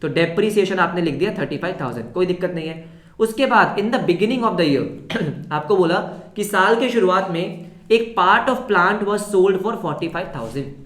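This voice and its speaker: A man's voice: high-pitched, a bit bright. Male teacher with a sore throat, echoey room. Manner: quizzes students then answers his own questions. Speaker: accounts teacher. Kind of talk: fast exam revision lesson.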